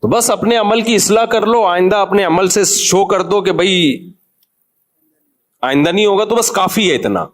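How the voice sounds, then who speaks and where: A man from Pakistan giving a humorous, conversational religious talk as a cleric. He jokes and speaks straight to his listeners. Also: high voice. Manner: chatty and joking, addresses listeners directly.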